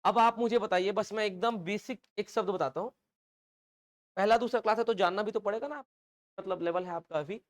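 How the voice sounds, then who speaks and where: A man's voice: high-pitched, fairly quick. A male teacher with a Chhattisgarh Hindi accent gives a live online English class. He drills pronunciation and keeps asking the students to answer him and repeat after him.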